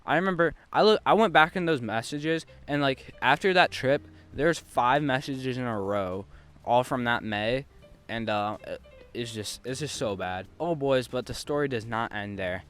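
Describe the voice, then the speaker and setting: A young man tells an embarrassing story for a casual vlog, full of slang and cursing. He swings from loud, hyped-up lines to muttered asides. His voice sits at a middle pitch and sounds smooth and clear. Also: normal speed, faint music behind. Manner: slangy and profane. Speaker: YouTuber telling a story.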